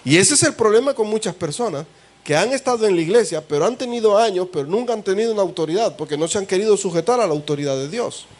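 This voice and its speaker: A man's voice: on the high side, darkish tone. A man with a Salvadoran accent preaching a sermon as pastor, talking conversationally and asking the congregation rhetorical questions. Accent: Salvadoran Spanish. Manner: conversational, asks the congregation rhetorical questions and calls them brother.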